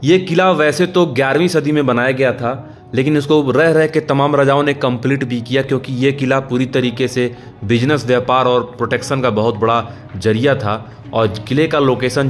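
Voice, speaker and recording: Young male vlog narrator, relaxed history voice-over, soft music bed. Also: medium pitch. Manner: informal storytelling, addresses viewers as friends. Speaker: vlogger narrating.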